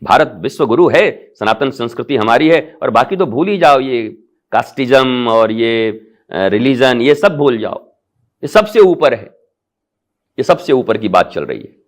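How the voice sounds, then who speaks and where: Spiritual teacher, middle-aged man, mid-pitched voice, devotional sermon with rhetorical appeals to the crowd. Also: expressive, a little slow. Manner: impassioned, rising to emphatic peaks then softening; rhetorical calls to the audience. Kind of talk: devotional discourse.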